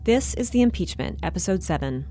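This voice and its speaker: Female news podcast narrator, low register, scripted read. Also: animated, fairly quick, warm tone, slight background noise. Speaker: podcast narrator, senior editor.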